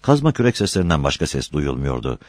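A man with a deep voice reads a novel aloud in steady audiobook narration. His delivery is lively and expressive. The recording is dry and close. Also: fast, dry recording. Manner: steady storytelling.

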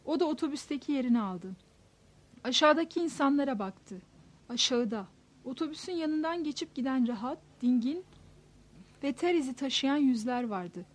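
A woman narrating a literary story in a measured, expressive reading. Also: high-pitched.

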